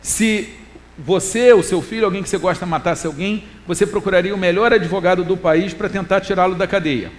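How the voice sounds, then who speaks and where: Brazilian man, middle-aged, high-pitched, lively preaching, loud emphasis then quiet asides. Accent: Brazilian Portuguese. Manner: quotes scripture in a slow, deliberate reading voice. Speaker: preacher and lecturer. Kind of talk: church talk sermon.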